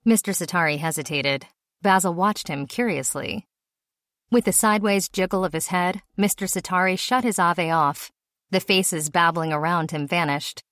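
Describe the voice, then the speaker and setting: A woman narrating a story in a steady, even reading voice. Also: fairly low pitch, no room sound, clean studio sound. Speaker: audiobook narrator. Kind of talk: scripted narration.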